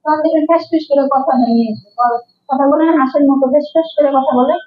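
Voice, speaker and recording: A young woman with a Bangladeshi Bengali accent races through a classroom medical lecture, yet still explains patiently, asks questions and repeats key terms. Her voice sits high, the highs in the recording are cut off, and there's slight background noise.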